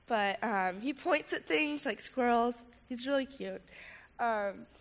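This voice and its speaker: A young woman speaks through a stuffy nose, audibly congested and sick. She gives an informal testimony talk in a casual, youthful, halting way, as a student speaker addressing a group. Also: fairly high pitch, animated. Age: late teens.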